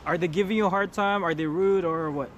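Young man, casual filler-heavy street interviewer, high-ish voice, camera mic with heavy traffic noise. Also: steady tone, brisk, dull audio. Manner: chatty, filler-heavy questions. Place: city sidewalk outdoors. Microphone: camera mic, behind the camera. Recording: loud street noise outdoors.

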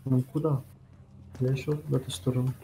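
Male gamer with a dark, mellow tone, brief casual interjections, faint background noise. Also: mid-range voice, flat delivery, a little fast, creaky. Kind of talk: casual chat while playing a horror game.

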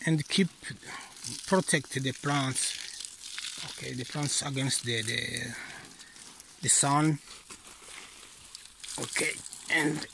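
A middle-aged man for whom English is not his first language gives a casual walk-through of his outdoor vegetable garden, often pausing to search for words. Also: medium pitch, gravelly, a bit bright, a little hiss or hum. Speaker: gardener vlogger. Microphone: handheld phone camera.

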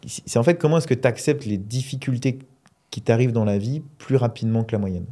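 Podcast co-host, male, deep mellow tone, loose rambling delivery. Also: brisk. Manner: relaxed, rambling with many fillers. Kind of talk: casual podcast chat.

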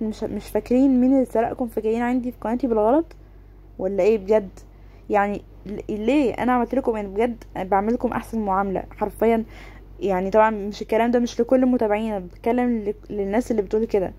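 A woman's voice: mid-range voice, dark tone. A woman with an Egyptian Arabic accent, speaking to her followers in a casual, defensive vlog and often checking that they follow her. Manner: rapid, defensive, keeps asking "okay?". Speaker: gaming content creator.

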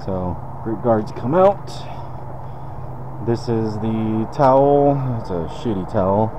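A man with a lowish voice explains a car detailing job at a detailing shop while he does it. The casual how-to is laid-back and conversational, with background noise in the recording.

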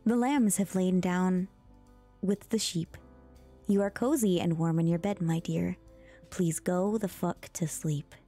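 A woman streamer giving a soft ASMR-style storybook reading, speaking gently, dipping into whispers and making mock-exasperated asides. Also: fairly low pitch, a little slow, slightly rough, faint music behind.

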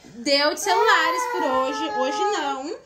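The recording is very noisy as a young vlogger mother speaks slowly in a high-pitched voice. She chats to viewers in a lively way while filming her family indoors at home on a phone camera.

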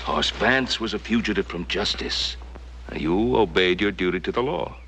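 A middle-aged actor playing a grave, compassionate rancher father in a TV western, with a North American accent and measured, authoritative delivery. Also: sits low, animated, fairly bright tone. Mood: consoling. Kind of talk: TV western drama acting. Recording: noisy old television soundtrack.

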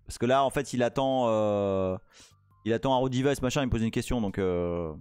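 A French man hosting a casual live-coding stream, playful and excitable, chatting to viewers as he works. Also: mid-range voice, moderate pace, clean tone, no echo, faint music behind. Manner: playful, excitable, reads chat aloud.

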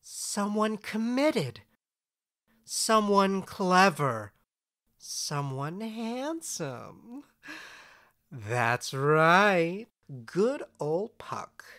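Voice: medium pitch, big pitch swings, very slow, fairly bright tone, heavily acted. An actor playing Puck's part as a scheming, flamboyant fairy, charming and smug, in a conversational audio drama. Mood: conspiratorial, smug. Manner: theatrical, sly, emphatic.

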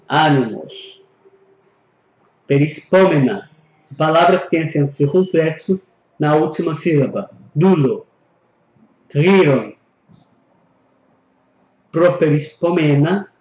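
A man's voice: fairly high pitch, a little mellow. A man teaching a recorded Greek grammar lesson, patient and explanatory, often repeating and reviewing terms. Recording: echoey, dull lo-fi room recording.

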